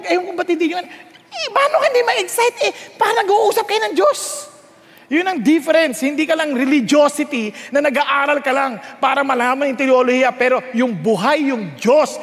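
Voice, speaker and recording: A man preaching a sermon in mixed Tagalog and English, telling stories in an animated way and often asking the crowd questions. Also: very high voice. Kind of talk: Taglish sermon. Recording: long hall reverb.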